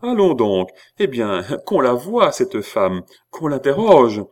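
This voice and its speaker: A man's voice: mid-range voice, very animated, slow pace, darkish tone, voice pushed up. A man reading an audiobook and voicing a haughty, commanding king. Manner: imperious, commanding.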